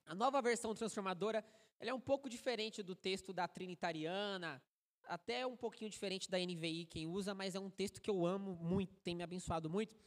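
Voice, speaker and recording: A man in his thirties with a Brazilian Portuguese accent, a guest preacher giving a sermon in a joking, animated, conversational way, with a fairly high voice for a man. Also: a little fast. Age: 30s. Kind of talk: sermon with humorous storytelling. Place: church sanctuary. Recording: long church hall reverb.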